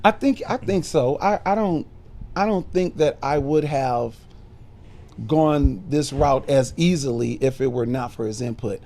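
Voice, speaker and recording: A man's voice: medium pitch, measured pace, warm tone. A middle-aged man, a minister born in Chicago and raised in Detroit, telling his life story in a casual podcast interview with frequent fillers. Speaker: bishop and minister.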